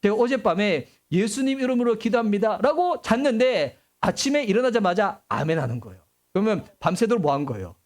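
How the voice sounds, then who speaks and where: A middle-aged man preaching a sermon as pastor, animated and acting out voices and exclamations. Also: high-pitched, a little fast.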